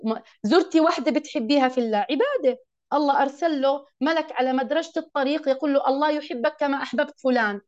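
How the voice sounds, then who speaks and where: A woman teaching a religious lesson to women, emphatic and often asking her listeners questions. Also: sits high. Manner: emphatic, asks the audience questions. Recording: dull lo-fi recording.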